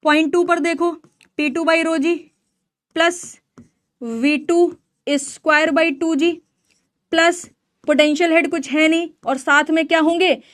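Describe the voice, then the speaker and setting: A woman's voice: extremely high pitch, steady tone, slow, pauses often, a bit bright, no room sound, studio quality. A woman lecturing on engineering in a classroom style, asking her class questions and answering them herself, with teasing asides to her students. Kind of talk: classroom lecture mixing Hindi and English terms.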